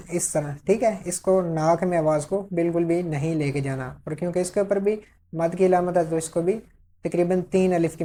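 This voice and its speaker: A woman with a lowish, dark-toned voice teaches how to pronounce Quran letters in careful steps. Patiently elongating each one for learners to repeat, she checks in by saying "ٹھیک ہے؟".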